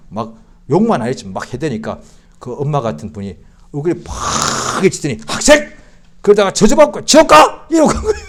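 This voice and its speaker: A male pastor giving a Christmas sermon in church, swinging from loud outbursts to hushed, quiet speech. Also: medium pitch. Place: church service.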